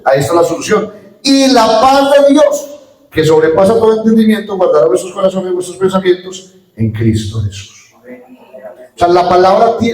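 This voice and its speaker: A male pastor preaches in a fairly high voice, swinging between loud peaks and quiet asides as he quotes scripture. He sounds distant from the mic, and the room adds a strong echo. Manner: preaching with sudden rises and drops in loudness, quoting scripture. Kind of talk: Pentecostal sermon. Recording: echoey room from far off.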